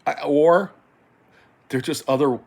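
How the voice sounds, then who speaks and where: A middle-aged man talks off the cuff like an aggrieved football fan. His delivery is rambling and halting, with sentences that double back on themselves. He sounds exasperated and swears as he makes his case. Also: on the high side, vocal fry, a little mellow. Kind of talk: unscripted opinion rant about football.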